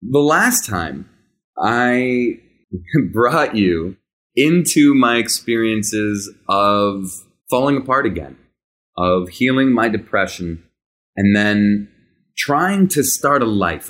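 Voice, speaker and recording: With a fairly low, expressive voice and a fairly bright tone, a podcast host in his thirties who grew up speaking Hebrew tells a personal story. He's open and conversational, sometimes rushing and sometimes drawing things out.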